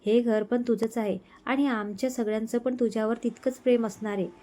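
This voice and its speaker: Narrator lady doing a sweet auntie comforting the bride, affectionate, warm mellow voice. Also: on the high side, steady tone, brisk, lightly acted. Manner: affectionate, coaxing. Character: kindly middle-aged aunt, comforting.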